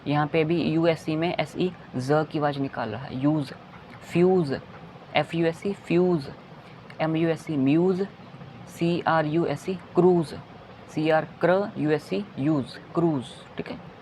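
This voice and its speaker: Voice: medium pitch, slow, darkish tone, a little hiss or hum. A phonics teacher giving a kindergarten lesson, spelling out letters one by one and repeating each word. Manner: says "theek hai" between points.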